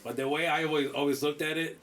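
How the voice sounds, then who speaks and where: Man, from Mexico, podcast co-host, casual chat, bright voice, Spanish mixed in. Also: on the high side, fairly even intonation, fast talker. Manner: mixes Spanish into English, swears casually.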